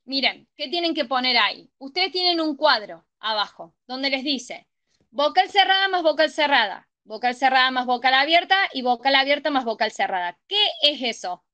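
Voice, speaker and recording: High, bright woman tutor. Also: animated, normal speed, muffled recording. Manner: checks understanding with frequent ¿sí? and ¿estamos?. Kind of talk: online grammar class.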